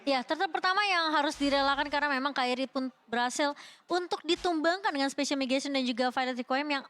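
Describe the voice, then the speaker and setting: Fast, high-voiced Indonesian woman esports caster. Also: fairly bright tone, a little hiss or hum. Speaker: esports shoutcaster. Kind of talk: live esports commentary. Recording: music behind the voice. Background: music.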